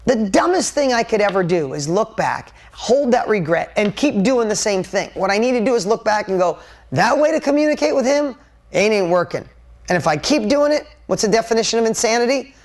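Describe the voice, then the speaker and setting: A man's voice: sits high, animated, fairly quick, hardly any pauses. A middle-aged man giving a candid, emphatic motivational talk, firing off rhetorical questions and swearing now and then. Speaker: motivational speaker.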